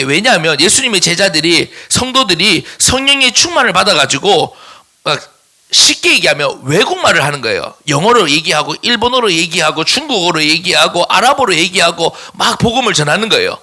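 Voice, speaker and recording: Bright, lively man with a Daegu accent. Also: high-pitched, fairly quick. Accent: Daegu Korean. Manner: animated and teasing, jokes with the young listeners; gives note-taking instructions in a classroom way. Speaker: youth pastor. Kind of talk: sermon to teenagers.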